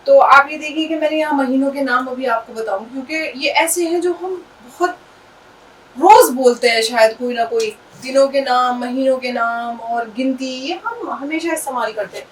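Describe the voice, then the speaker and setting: A high-pitched woman teaches a classroom lesson, spelling words out one letter at a time. She speaks patiently and explains each point, set back from the mic with a faint hiss in the background. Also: far from the mic, low-quality recording. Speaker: Urdu teacher.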